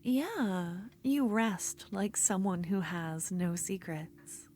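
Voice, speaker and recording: A woman voices an obsessive, unhinged female duelist rival in an ASMR fantasy roleplay, speaking intimately and often drifting into a breathy whisper. Her medium-pitched voice is animated yet slow and a little mellow. The mood is brooding and gloating.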